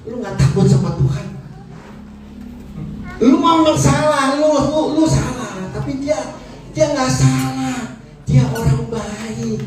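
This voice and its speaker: A man's voice: very high-pitched, slow pace, long pauses, music in the background, voice pushed up. A male preacher with a Jakarta colloquial accent voicing an earnest, repentant thief who scolds his fellow thief in slang. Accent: Jakarta colloquial Indonesian. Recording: echoey church hall, far off.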